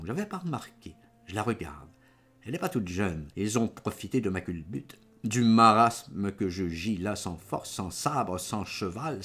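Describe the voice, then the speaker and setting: A man's voice: lowish voice, fairly bright tone, breathy edge. A man giving a dramatic literary reading, in short, exclamatory, broken phrases. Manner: fragmented, exclamatory, theatrical phrasing. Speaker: reader of a literary audiobook.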